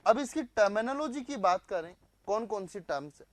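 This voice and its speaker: A man's voice: high-pitched, lively intonation, normal speed, no echo. A male teacher running a live online class, quizzing students, repeating their answers back and mixing in English phrases.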